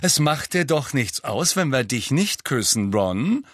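A man's voice: on the high side, huge pitch swings, normal speed, husky, no echo, studio quality, pitched above the performer's own voice, full character voice. A man voicing a mischievous teenage boy twin in a storybook reading, mock-concerned and teasing.

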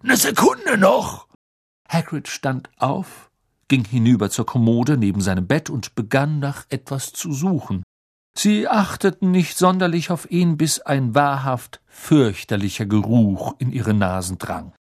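A man narrating a novel as an audiobook, reading in an expressive storytelling way. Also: mid-range voice, unhurried. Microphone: close studio microphone. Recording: dry studio sound.

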